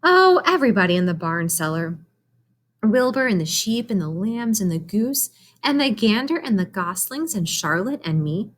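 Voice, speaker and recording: An earnest, chatty young farm girl from a storybook, voiced by a woman reading aloud. She is eager and matter-of-fact, with a lively, bouncing pitch. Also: normal speed. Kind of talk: storybook character voice.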